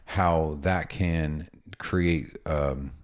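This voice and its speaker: A man who works as a dog trainer, talking casually and explaining with examples and asides in a relaxed, instructional way. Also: a bass voice, drawn-out words.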